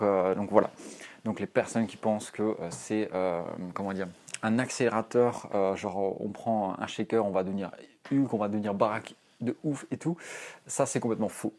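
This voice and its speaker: A young man talks straight to camera about fitness in a loose, rambling way. His voice sits fairly low, and he leans hard on fillers and restarts as he goes. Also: fairly even intonation, moderate pace, a little mellow. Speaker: fitness vlogger. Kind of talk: casual advice to camera.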